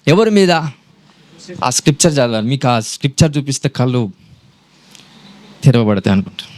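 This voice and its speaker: A man with a mid-range voice preaches a brisk, animated sermon, quizzing the congregation as he goes. He switches between Telugu and English, mixing in English phrases.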